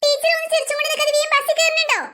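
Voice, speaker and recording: Panicky little cartoon boy, pleading, voiced by a woman; very high, bright. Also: flat delivery, very fast. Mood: urgent. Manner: urgent, pleading. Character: desperate little schoolboy needing the toilet. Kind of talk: cartoon voice acting.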